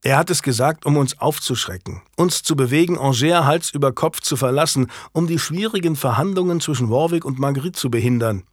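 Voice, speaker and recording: A man's voice: medium pitch, brisk, few pauses, no room sound, studio quality, lightly acted. A man voicing a furious noblewoman. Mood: tense. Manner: scornful, biting, rising to shouted accusations. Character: fierce noblewoman, wronged wife, sharp-tongued. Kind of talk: audiobook character reading.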